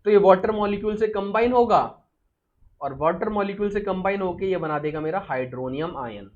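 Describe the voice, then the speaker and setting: Male chemistry teacher in a live class, high-pitched, repeats answers back, muffled lo-fi audio. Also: fairly quick. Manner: quizzes students, repeats key answers, mixes English terms.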